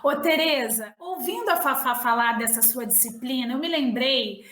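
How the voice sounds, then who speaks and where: A woman's voice: high voice, normal speed, fairly bright tone, echoey room, a little hiss or hum. A woman from Brazil interviewing a guest, speaking from off the mic. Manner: brief agreeing interjections. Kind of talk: interview questions.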